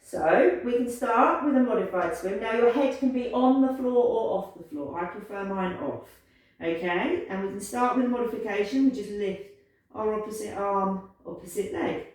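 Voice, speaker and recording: A woman leading a pilates class, giving calm, encouraging cues and counting down holds. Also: medium pitch, moderate pace. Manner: encouraging, gentle cueing, counts down aloud. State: slightly out of breath at times. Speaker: pilates instructor. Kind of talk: guided exercise class instruction. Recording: echoey room, voice from a distance.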